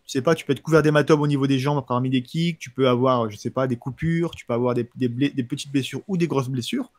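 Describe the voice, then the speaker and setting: Male, quick casual livestream talker, slight lisp with sh-like s, slangy sports chat with repeated words. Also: mid-range voice, a little mellow, no room sound, clean studio sound. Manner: slight lisp, slushy sh-like s sounds. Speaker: professional MMA fighter answering viewer questions.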